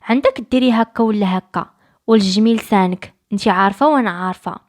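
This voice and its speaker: A woman's voice: mid-range voice, fast, a little mellow, lightly acted. A woman with a Moroccan accent voicing a bossy servant of the sultan who gives curt orders. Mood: hushed warning.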